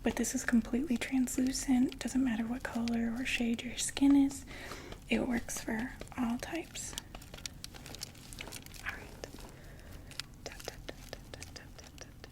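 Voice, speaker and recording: This ASMR roleplay features a young woman as a gabby vampire saleswoman from beyond the grave, murmuring her pitch in an intimate whisper at a slightly raised pitch. Her laid-back patter, dotted with fillers, comes in an even tone, unhurried and natural, with frequent pauses. The mood is soothing.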